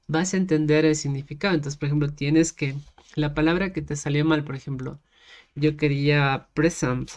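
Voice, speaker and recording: An English teacher giving a casual lesson in Spanish, explaining a method step by step and slowly sounding out English words. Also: medium pitch, darkish tone.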